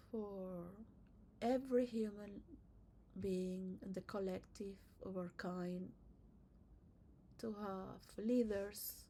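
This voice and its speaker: A woman from Venezuela with Spanish as her first language talks through a slow, digressive vlog at an ordinary mid pitch. She is blunt and swears casually, and a faint hum of room ambience sits behind her. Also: mellow. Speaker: vlogger. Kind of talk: casual rambling monologue. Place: recorded at her own setting, she shows on camera.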